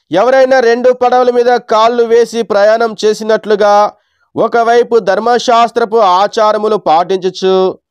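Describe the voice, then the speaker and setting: High, smooth-voiced male preacher. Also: no echo. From India. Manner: measured teaching tone with rhetorical questions. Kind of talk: Sunday sermon.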